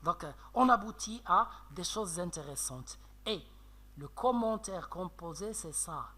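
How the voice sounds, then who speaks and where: A man teaching a French literature lesson with a Moroccan French accent, explaining slowly with many fillers and checks of "d'accord?". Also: high voice, expressive, pushed and bright. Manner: slow, explanatory, frequent "euh" and "d'accord?". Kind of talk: classroom lecture on poetry analysis.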